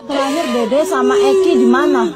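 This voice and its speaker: A woman's voice: high voice, expressive, normal speed. A woman speaking spontaneously and urgently, coaxing and soothing someone with repeated phrases. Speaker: questioner calming a distressed person. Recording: amateur recording, loud music and chatter.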